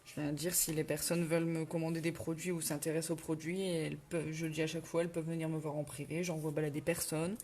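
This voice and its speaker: A woman's voice: low voice, level tone, quick pace, hardly any pauses, a little mellow, a little hiss or hum. A middle-aged woman with a Ch'ti accent hosting a casual live crafting tutorial at home, chatting, self-correcting and answering viewer comments. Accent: Ch'ti (northern French). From northern France. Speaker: crafting host on a live stream.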